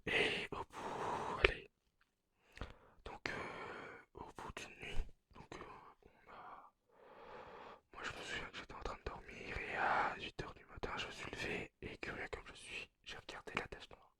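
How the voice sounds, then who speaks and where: Man playing whispering masked apocalypse survivor, anxious role-play. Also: pushed and bright. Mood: uneasy. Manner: muffled, speaking through a face mask; hesitant, halting storytelling.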